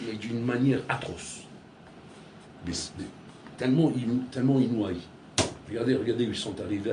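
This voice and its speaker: Animated rabbi in an echoey room. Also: male voice, mid-range voice, slight background noise. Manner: storytelling with acted dialogue, swings between loud and hushed. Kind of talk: animated sermon. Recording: echoey room with faint ambience.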